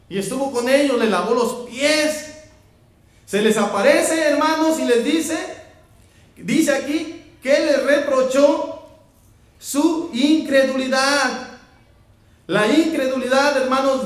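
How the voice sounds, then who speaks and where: A man preaching a sermon, speaking conversationally and calling the congregation brothers. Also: very high-pitched. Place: church. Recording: very echoey church hall.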